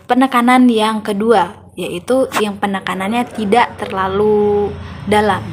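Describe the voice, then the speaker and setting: A young woman, a student, reading a class presentation aloud in a careful, measured way, slowing down to say her examples. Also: medium pitch.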